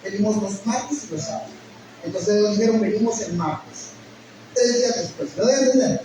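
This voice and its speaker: A man's voice: high-pitched, fairly quick. Middle-aged man, pastor, emotional sermon storytelling; roomy distant pickup with noise. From Guatemala. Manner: emotional storytelling, addresses listeners as brother. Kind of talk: sermon testimony. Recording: echoey hall, mic at a distance, noisy.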